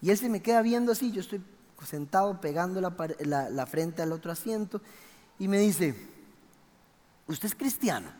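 Man, high voice, animated testimony in a reverberant hall. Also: a little fast. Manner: animated, acts out the dialogue. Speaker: speaker giving a testimony. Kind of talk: storytelling testimony.

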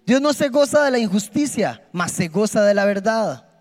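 A man preaching an impassioned, emphatic sermon in a church, swinging between soft and loud. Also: sits high, animated, moderate pace. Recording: long hall reverb with faint music.

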